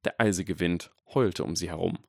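A man narrating a fantasy audiobook chapter in an expressive, dramatic storytelling manner. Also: sits low, moderate pace, gravelly, no room sound, studio quality. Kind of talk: scripted narration.

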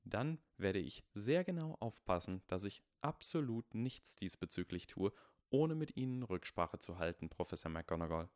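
A man voicing a precocious, earnest young boy who reasons carefully and deliberately, as in an audiobook. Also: on the low side, big pitch swings, darkish tone, no echo, clean studio sound. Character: precocious earnest eleven-year-old boy wizard.

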